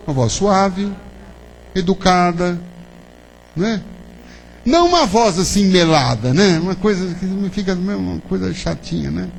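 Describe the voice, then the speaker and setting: Vocal fry colors this man's fairly high, darkish voice as he lectures on spiritism to an audience in a spiritist center's hall. He keeps it conversational, constantly asking the listeners questions and adding "né?". The recording is rough, with a faint hum underneath.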